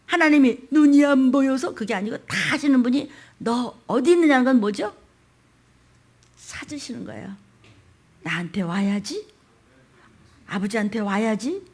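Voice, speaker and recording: A woman pastor preaching a sermon in a colloquial style, acting out quoted voices, asking rhetorical questions, and swinging between loud outbursts and hushed whispers. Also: on the high side, lively intonation, a little slow, long pauses, breathy edge. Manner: dramatic, acts out quoted voices.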